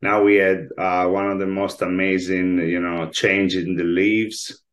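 Unhurried and a bit bright, this low voice with little pitch movement belongs to an Italian-accented guest chef in his forties from Italy. He chats casually over a video call from home via a laptop mic.

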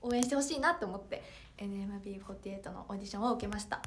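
A woman's voice: medium pitch, rapid-fire, slight background noise. A sixteen-year-old girl with a Toyama accent, chatting politely on a livestream and reading out viewer comments with many fillers. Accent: Toyama dialect. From Toyama, Japan. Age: teens (16). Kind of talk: casual livestream chat.

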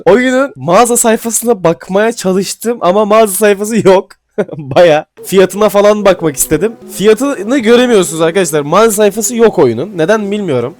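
A man giving casual gameplay commentary, excitable and swearing casually, then dropping to mumbling asides. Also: sits high. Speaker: gaming YouTuber. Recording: faint music behind.

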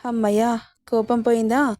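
A woman's voice: fairly high pitch, flat delivery, normal speed, mellow, no room sound, clean studio sound, natural voice. A woman voicing an affectionate young woman in a spoken romance story, in a coaxing, sweet manner.

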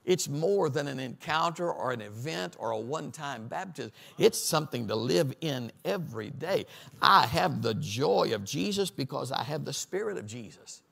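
On a church stage at a Bible study, a middle-aged man pastor preaches, stacking lists into a crescendo and calling on the audience to respond. He speaks at a moderate pace in an expressive, mid-range voice that's creaky and a bit bright.

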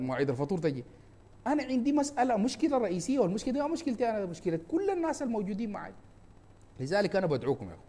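A man with a Sudanese Arabic accent, a presidential candidate giving an impassioned campaign talk, fast and fervent, with frequent hesitations and restarts. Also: high voice, dark tone.

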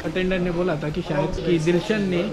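High-voiced young man vlogging on the go. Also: level tone, brisk, a loud crowd. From India. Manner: chatty, explaining sights as he walks. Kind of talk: casual walking travel vlog. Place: outdoors on city streets and in a stadium. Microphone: phone camera at arm's length. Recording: background music under the voice.

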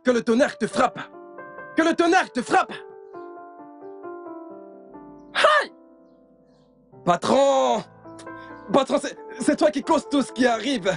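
A man's voice: high voice, normal speed, soft background music, natural voice. A man doing a flustered giggling house servant. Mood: wailing. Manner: giggly, flustered, later wailing and mocking. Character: bumbling joking male house servant, loud and excitable. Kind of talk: dubbed film acting.

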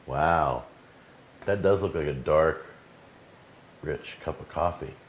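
A man's voice: very deep voice, slow. A middle-aged man hosting a cooking show, chatting casually and enthusiastically as he shows off gadgets in his home kitchen. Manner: chatty, enthusiastic, filler-heavy. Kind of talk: casual product demo.

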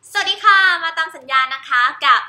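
Bright, high-voiced woman teacher. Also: a little fast, roomy sound. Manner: cheerful, demonstrates signs while repeating English words. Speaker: homeschool teacher. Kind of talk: baby sign language lesson.

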